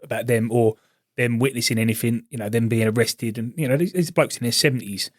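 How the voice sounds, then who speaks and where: A man's voice: medium pitch, steady tone, brisk, no echo, clean studio sound. A British Army veteran man co-hosting a podcast, telling blunt army stories in casual chat. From Britain. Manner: blunt storytelling army banter. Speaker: podcast co-host.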